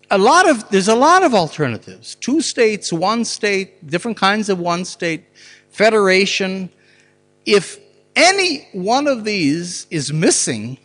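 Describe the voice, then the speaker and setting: An earnest man lecturing in a large hall, his slightly higher voice ringing out with a long echo. He argues his points with conviction and often stumbles over repeated words while thinking. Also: fairly bright tone. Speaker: speaker at a public talk. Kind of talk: public lecture with Q&A.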